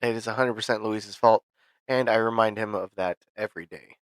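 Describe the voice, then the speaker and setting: A young man co-hosting a casual podcast, talking in a relaxed way with many fillers and laughs. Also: lowish voice, a little fast, dry recording. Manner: easygoing, filler-heavy, laughs often. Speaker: podcast co-host. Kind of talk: casual chat.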